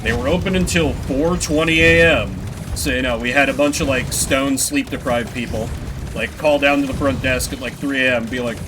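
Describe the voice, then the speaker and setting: A video game streamer with a medium-pitched, steady voice chats with viewers at a moderate pace during live gameplay commentary. He's rambling, self-deprecating, and sweary. Game music and sound effects play behind his voice, adding background noise.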